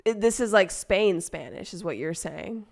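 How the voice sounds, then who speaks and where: A woman streamer in casual chat, expressive and playfully defensive. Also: mid-range voice, normal speed, creaky.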